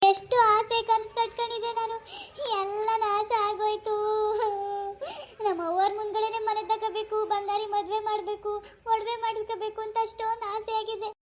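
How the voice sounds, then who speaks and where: A woman voicing a self-pitying, sharp-tongued village wife in a cartoon, lamenting and scolding. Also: very high-pitched, flat delivery, quick pace, a little hiss or hum. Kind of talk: Kannada cartoon voice acting.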